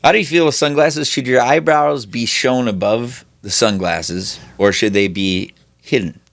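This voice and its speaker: A man telling stories on a podcast in a loose, profane, animated way. His voice sits at an ordinary middle pitch. The sound is dry and close, with no room around it. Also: measured pace, vocal fry, dry recording. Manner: profane, animated storytelling with mocking put-on voices. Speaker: podcast co-host. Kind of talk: casual chat.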